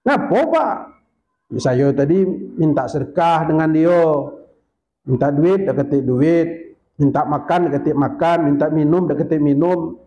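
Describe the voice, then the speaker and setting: A man's voice: a little high, fairly even intonation, normal speed, mellow, lo-fi sound, natural voice. A man playing a poor, cheeky male beggar, in a pleading, storytelling manner. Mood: complaining.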